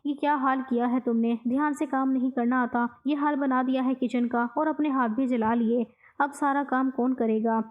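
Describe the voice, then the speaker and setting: Woman doing a high-voiced bossy scheming young wife, sharp and smug, storybook voice. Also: fairly even intonation, narrow, tinny audio, lightly acted. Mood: bossy scolding.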